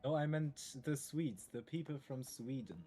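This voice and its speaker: A man's voice: mid-range voice, normal speed, dark tone. A man chatting while playing a game with friends, joking and teasing with wordplay. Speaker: co-op game player. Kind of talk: casual gaming chat.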